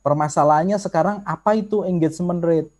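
A male workshop instructor with a Javanese Indonesian accent teaches an online session over video call. His voice is on the high side, brisk and darkish in tone, and he explains patiently while often speaking directly to his listeners.

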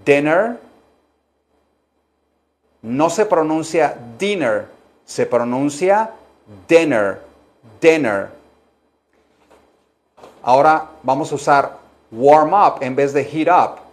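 A man gives an English lesson to Spanish speakers in a slightly high, unhurried voice. He keeps urging the class to repeat after him. He slows down to stress each English word. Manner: coaxing, repeats words for students to echo. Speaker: English teacher.

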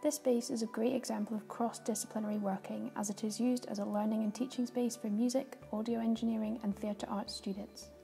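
A young woman narrates a guided tour in a fairly high voice. She is calm and informative, reading prepared lines clearly as a guide would. Music plays behind her. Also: a little fast, few pauses. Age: young adult. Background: background music.

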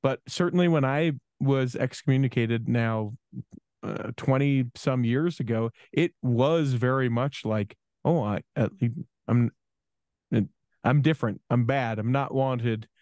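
A man in his forties talks things through on a podcast, pausing and restarting as he reflects. He sits at a studio mic, and the sound is dry and close with no room around it. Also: medium pitch, a little mellow, no echo. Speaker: podcast co-host. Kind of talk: casual conversational chat. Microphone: studio microphone with headphones.

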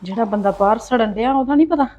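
A woman playing a sharp-tongued sister-in-law in an amateur family drama, nagging and taunting her relative. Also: on the high side, fast talker, muffled recording, a little hiss or hum, natural voice. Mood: grumbling.

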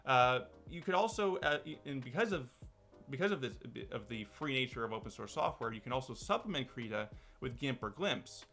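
A man's voice: medium pitch, lively intonation, fairly quick, bright, forceful tone, soft background music. A man hosting his own channel, talking casually to camera in a loose, rambling way with many restarts. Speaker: channel host. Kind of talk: casual talk-to-camera commentary.

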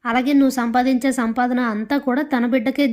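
A bitter mother-in-law, put on by a woman narrator, hurls sharp accusations at her family. The voice stays high and light, and it carries the feel of a TV serial recap. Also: steady tone, a little fast, close to an everyday voice. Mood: scolding. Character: angry scolding older mother-in-law.

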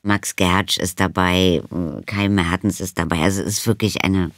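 A woman, an actress, speaking in an interview and narrating an audiobook in an expressive, emphatic way, recorded in a studio. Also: very deep voice, moderate pace, dry recording.

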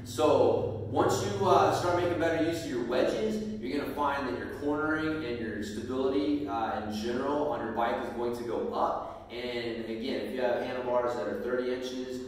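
A man's voice: mid-range voice, normal speed, a little hiss or hum. Echoey casual coaching man. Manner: casual, demonstrative, frequent fillers. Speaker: mountain bike strength coach. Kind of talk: instructional video talk. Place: home gym with hard floor. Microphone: far camera. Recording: echoey room from far off.

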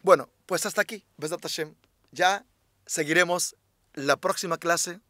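A rabbi teaches a religious class in a high, bright voice. He is emphatic, drives his points home by repeating them, and poses rhetorical questions to his listeners. The sound is dry and close, with no room echo. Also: unhurried.

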